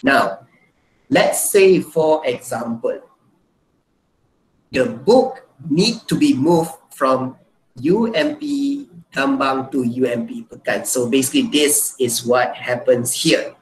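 A man's voice: medium pitch, slow. Man lecturing in an echoey room. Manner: explains with repeated "let's say, for example" and "basically". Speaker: university lecturer. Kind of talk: online lecture over slides. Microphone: computer mic on a video call. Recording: echoey room with faint hiss.

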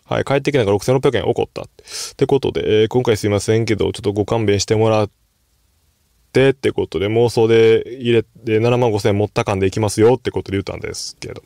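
Fast-talking Kansai man with a gravelly voice. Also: on the low side, steady tone, dark tone, no echo, clean studio sound. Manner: rambling and self-deprecating, often apologizing. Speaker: host. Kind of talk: casual horse-racing betting commentary.

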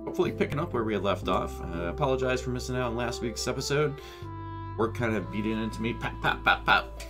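This medium-pitched man talks fast, his nose stuffy from a cold. In his thirties, he hosts a gaming channel and rambles casually, thinking aloud in a relaxed let's-play commentary while playing a farming game on a headset mic, with game music under his voice.

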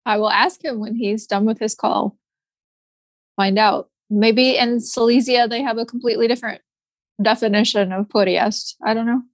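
A woman's voice: fairly high pitch, steady tone, normal speed, dry recording. A woman guest on a podcast interview, talking in an easygoing way and thinking aloud. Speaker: guest artist. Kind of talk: casual interview conversation.

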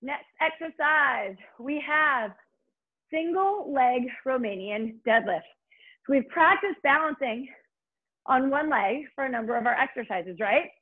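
A woman with a breathy voice works as an aerobics instructor, leading a workout with upbeat, encouraging cues and urging commands. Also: sits high, lively intonation, measured pace, narrow, tinny audio. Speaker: fitness instructor and host.

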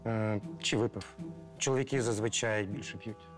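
An actor playing a low-voiced, measured examiner. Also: male voice, fairly even intonation, over music, natural voice. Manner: measured, explanatory.

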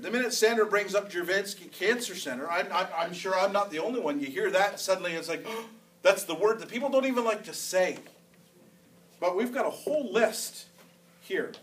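A man with a high voice preaches to his church in a relaxed, conversational way, repeating phrases to drive points home. He sounds a little distant from the microphone, with a faint hiss of room noise under his voice. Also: fairly quick. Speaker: pastor. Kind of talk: sermon. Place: church sanctuary.

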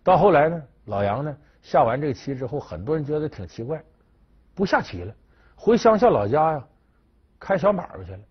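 Male storytelling commentator, raspy voice with animated intonation, dull lo-fi sound. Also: a little high, a little fast. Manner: lively storyteller, acts out quoted speech. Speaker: chess history commentator. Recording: dull lo-fi recording.

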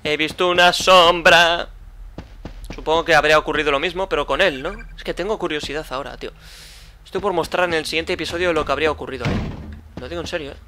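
A man's voice: a little high, racing, sharp tone, a little hiss or hum. Chatty gameplay commentator, man. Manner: chatty, addresses viewers, rambling restarts. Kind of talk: casual let's-play commentary.

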